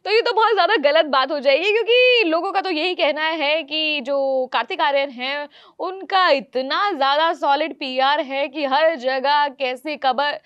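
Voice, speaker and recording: A woman's voice: high-pitched, a little slow, hardly any pauses, a bit bright, no room sound, lo-fi sound. A woman co-hosting a casual chat, talking in an opinionated way with frequent fillers. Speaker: co-host.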